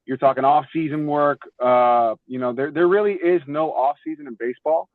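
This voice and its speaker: A young man from Florida, formerly a baseball player, speaks at a moderate pace in a slightly high voice while guesting on a podcast. His chat is casual storytelling, loose and full of repeated words. The audio is dry and tinny, like a phone call.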